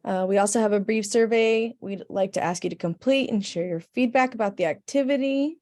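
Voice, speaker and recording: A woman's voice: mid-range voice, brisk, darkish tone. A woman organizer giving friendly, informal closing announcements after a cooking demo. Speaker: event organizer.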